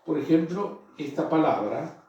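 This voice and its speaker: Slow, hesitant man teacher. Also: a little high, expressive, mellow, lo-fi sound. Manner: hesitant, many fillers and restarts. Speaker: Greek teacher. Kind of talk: classroom lecture. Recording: echoey room, voice far from mic.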